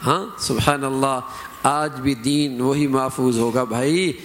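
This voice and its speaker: A man's voice: mid-range voice, fairly even intonation, a bit bright, a little hiss or hum. A middle-aged man preaching a sermon, emphatic, lifting his voice to act out quoted phrases and examples. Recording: hall with long reverb.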